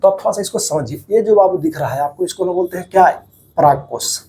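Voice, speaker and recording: Man teaching biology, mellow tone, slightly high voice, repeats terms as questions. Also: animated, fast. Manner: repeats key terms as questions to students, calls them babu. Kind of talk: classroom lecture over diagrams.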